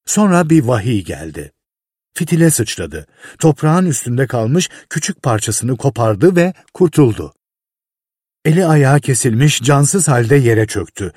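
A man reading a story aloud in a lively way, with a husky voice. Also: medium pitch, a little slow, no echo, studio quality. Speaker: narrator. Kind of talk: audiobook reading.

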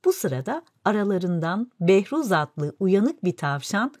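A woman's voice: mid-range voice, big pitch swings, measured pace, darkish tone, no echo. Woman telling a fable, dry close sound. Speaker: storyteller. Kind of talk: scripted fairy-tale narration.

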